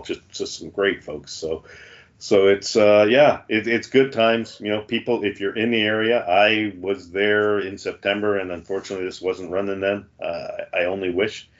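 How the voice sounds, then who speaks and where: A man hosting a podcast, chatting casually with lots of restarts and fillers. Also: low-pitched. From Canada. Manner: rambling, many restarts and fillers. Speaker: podcast host. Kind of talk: casual chat. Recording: dull lo-fi sound.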